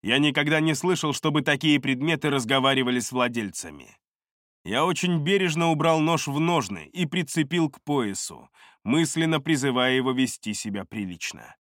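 A man's voice: medium pitch, lively intonation, moderate pace, fairly bright tone, dry recording, clean studio sound. Man narrating a fantasy audiobook. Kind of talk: scripted first-person narration.

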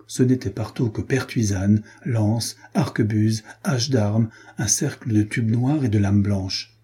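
A man reading a historical novel aloud in steady, measured scripted narration. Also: lowish voice, slightly rough. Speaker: audiobook narrator.

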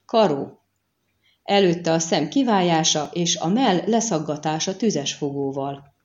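A woman's voice: sits low, expressive, a little mellow, dull audio. A woman playing a cold, contemptuous prefect. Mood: explaining. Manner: contemptuous, measured, authoritative. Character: cold calculating male prefect, middle-aged, stern. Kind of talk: audiobook character reading.

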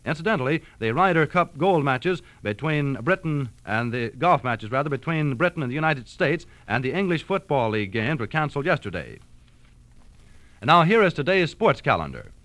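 A man reading a 1939 radio sports report in a brisk, conversational way. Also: on the high side, very animated, fairly bright tone, no room sound. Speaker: sports announcer.

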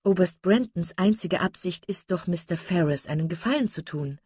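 A woman voicing a composed, sensible young woman in an audiobook, speaking calmly and politely. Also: fairly low pitch, moderate pace, husky, dry recording, studio quality. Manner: calm, polite, even. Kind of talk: audiobook character reading.

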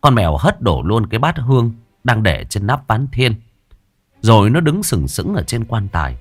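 A man's voice: on the low side, very animated, normal speed, breathy edge, no room sound. A man, narrating a ghost story in a crude, colloquial way.

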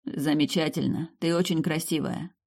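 A woman reading the lines of a stubborn, brooding young nobleman who answers in short hushed retorts. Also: fairly even intonation. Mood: curt, hushed. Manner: low hushed retorts, slow and clipped. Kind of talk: audiobook character reading.

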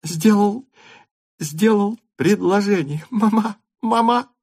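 A man reading an audiobook aloud and voicing an excitable, pleading teenage girl in a high, breathless, insistent voice. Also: normal speed, breathy edge, no echo, studio quality. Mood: excited.

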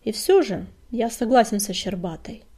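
A woman voicing a thoughtful senior male warrior cat who speaks in a measured way in a storybook reading. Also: on the high side, darkish tone, breathy edge.

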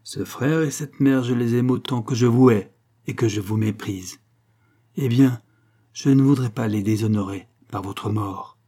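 A man's voice: medium pitch, unhurried, warm tone. A man voicing a thirteen-year-old boy duke who speaks with firm, solemn command. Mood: coldly resolute.

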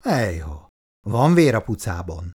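A man's voice: lowish voice, sing-song, darkish tone, breathy edge. A man reading the part of a cool-headed militia leader who talks to a prisoner in a dry, teasing, lecturing way. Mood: cool mocking.

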